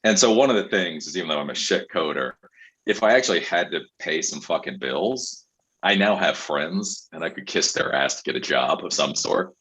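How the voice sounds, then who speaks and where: A man's voice: low-pitched, expressive, normal speed, a bit bright, slightly rough, rough recording. A man hosting an open mic call-in show over a video call, chatting casually, blunt and swearing freely. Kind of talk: casual chat.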